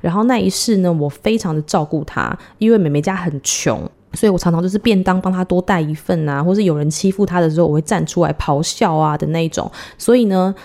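A woman in her thirties, a podcast host, telling a personal story in a chatty, giggly way with drawn-out dramatic pauses. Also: on the low side, vocal fry, darkish tone.

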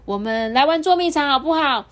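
A woman voicing a lonely little red button in a children's story, high and childlike. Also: expressive, fairly quick. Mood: eager.

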